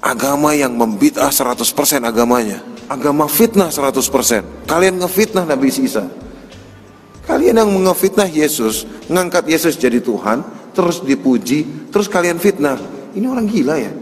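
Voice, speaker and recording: A man's voice: a little high, animated, normal speed, in a large hall, soft background music. A man giving a religious lecture with mocking, sarcastic asides.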